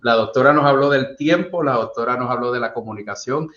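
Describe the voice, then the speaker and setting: A man's voice: mid-range voice, brisk, a bit bright. A man hosting an interview, introducing his guests and often chiming in with short agreement. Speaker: host. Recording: dull lo-fi audio.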